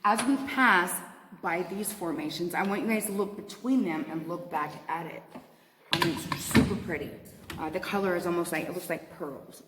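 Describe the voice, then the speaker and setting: A woman's voice: on the low side, a little fast. A woman working as a cave tour guide, talking informally and in a folksy way to her group as she shows them around. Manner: chatty, folksy, addresses group as "you guys". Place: inside a large underground cave. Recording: echoing cave with long reverb, faint noise.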